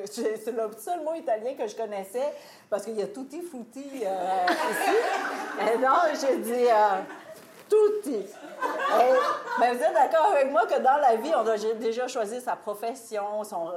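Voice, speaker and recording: A woman telling a lively anecdote to an audience, laughing often and acting out what people said. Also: medium pitch, noisy background. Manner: animated storytelling, laughing often, acts out quoted lines. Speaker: guest author telling a story. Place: live talk venue. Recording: roomy live venue, faint ambience.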